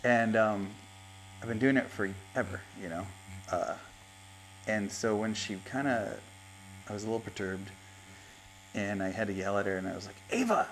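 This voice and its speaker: A man in his fifties chats as he tattoos, a rambling, laughing storyteller. His voice sits a little low, and a faint hum runs under the talk on his lapel mic. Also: steady tone, normal speed, pauses often. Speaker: tattoo artist and podcast host. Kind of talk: casual chat. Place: tattoo studio.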